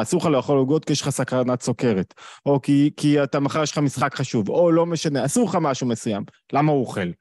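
Brief: male guest lecturer, mid-pitched voice, dry close sound, steady explanatory delivery full of rhetorical questions. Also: no room sound. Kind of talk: live online talk.

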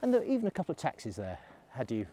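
A man's voice: mid-range voice, huge pitch swings, rapid-fire, mellow. Chatty man on a ski slope. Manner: chatty, rambling asides. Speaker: ski resort vlogger. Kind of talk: casual vlog while skiing. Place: outdoors on a snowy ski slope. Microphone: selfie camera at arm's length.

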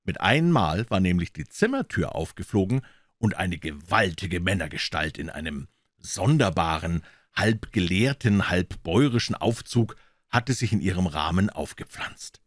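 A man reading aloud a classic detective story in a measured storytelling voice. His pitch sits low. The sound is dry and close. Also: expressive, no room sound. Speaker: audiobook reader. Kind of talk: scripted narration of a classic story.

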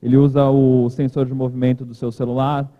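A man's voice: medium pitch, flat delivery, fairly quick. A man giving a casual, joking keynote at a podium in a large conference hall. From Brazil. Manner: chatty, informal, joking asides. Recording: reverberant hall, thin lo-fi sound.

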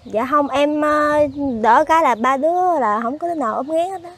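A pregnant woman with a Southern Vietnamese accent, speaking in a high voice. She answers questions haltingly and stumbles over repeated words. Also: a bit bright. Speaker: fire victim being interviewed. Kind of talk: emotional interview answers.

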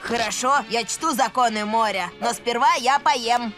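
A woman voicing a cheerful, earnest young boy in a dubbed cartoon, eager and expressive. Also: on the high side, unhurried, soft background music. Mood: friendly, earnest.

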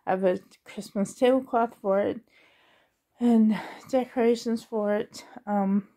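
A middle-aged woman chatting casually as a vlogger into a handheld phone at home, halting and often trailing off mid-thought. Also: on the high side, steady tone, warm tone. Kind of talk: casual, rambling vlog chat. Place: indoors in a living room at home. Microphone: handheld phone at arm's length.

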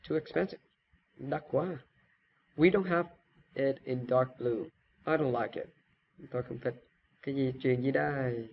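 A man with a Vietnamese accent runs a casual phrase lesson, repeating lines and explaining them with halting restarts. His voice sits at a middle pitch. The recording is a little dull, with a faint hiss behind it. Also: creaky. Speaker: English teacher.

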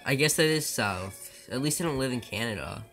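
A man's voice: mid-range voice, lively intonation, moderate pace, a bit bright, faint music behind. A man chatting casually with his viewers during a live speedrun stream, joking and rambling with stammered restarts.

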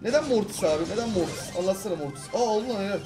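A young man in his twenties giving excitable, slangy commentary over his own gameplay, swinging between calm asides and frustrated outbursts. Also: high voice, rapid-fire, over music. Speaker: gaming YouTuber.

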